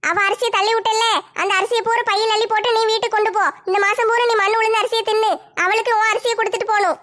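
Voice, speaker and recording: A woman's voice: very high-pitched, level tone, quick pace, fairly bright tone. A woman voicing a fierce village woman who taunts and threatens a rival. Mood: menacing. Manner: threatening, taunting, vicious relish. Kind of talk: one-woman comic skit.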